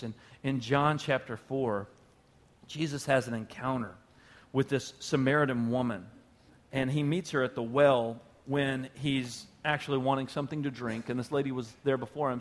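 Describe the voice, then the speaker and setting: A man preaching a sermon in an animated, conversational storytelling manner. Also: mid-range voice. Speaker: pastor.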